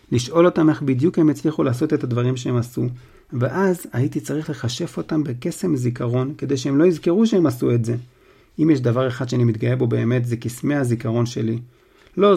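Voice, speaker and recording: A man's voice: mid-range voice, vocal fry, warm tone, husky. A man voicing a vain fraudulent male wizard teacher, smug and self-justifying, in a storybook reading.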